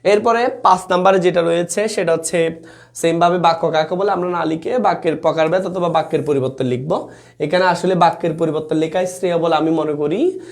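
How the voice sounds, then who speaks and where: This fairly high, brisk, gravelly male voice belongs to a young man leading a live online exam-prep session. His style is casual and talkative, with frequent check-ins and student comments read out on air.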